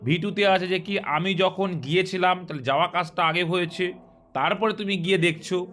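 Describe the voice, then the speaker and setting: A man's voice: high-pitched, normal speed, a bit bright. A man teaching an English grammar lesson in speech, explaining step by step and quizzing his students.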